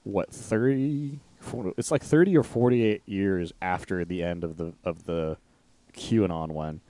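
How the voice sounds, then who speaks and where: Male co-host, deep, dry, laid-back talker. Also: measured pace, no echo. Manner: relaxed, rambling, easygoing. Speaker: podcast co-host. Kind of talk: casual review chat.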